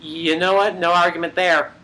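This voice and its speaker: A podcast co-host in casual chat, loose and profane, jumping in with quick reactions. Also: medium pitch, flat delivery, bright, forceful tone, slight background noise.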